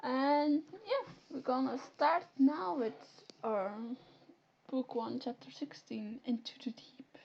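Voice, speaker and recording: A woman with a Flemish accent, a native Dutch speaker, chatting softly and giggling as she streams and reads a story game aloud. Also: high-pitched, expressive, slow pace, creaky, slightly rough, dull audio. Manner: soft-spoken, giggly. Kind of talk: casual live-stream chat, reading a story game aloud.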